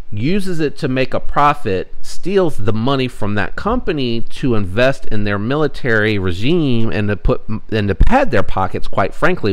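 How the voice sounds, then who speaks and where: Earnest low-voiced middle-aged man. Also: fairly bright tone. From United States. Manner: earnest, reflective, many ums and restarts. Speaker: channel host. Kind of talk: casual commentary to camera. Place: indoors at a table with knives laid out.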